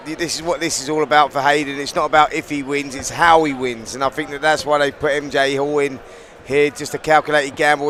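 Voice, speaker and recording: Male boxing pundit, fairly high-pitched. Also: fairly bright tone, a little hiss or hum. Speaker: boxing co-commentator and analyst. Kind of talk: conversational live sports analysis. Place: ringside at a boxing venue.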